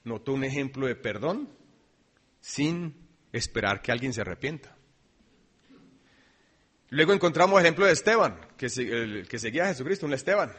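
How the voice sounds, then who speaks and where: A man preaching a sermon, swinging between loud emphasis and quiet asides. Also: mid-range voice, expressive, normal speed, long pauses, breathy edge. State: dry throat, coughing.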